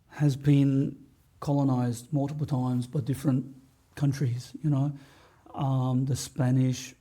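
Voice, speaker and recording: A man speaking as a podcast guest, earnest and halting, often restarting his sentences. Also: mid-range voice, dark tone, breathy edge. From Australia. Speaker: podcast guest, business owner. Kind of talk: candid interview talk.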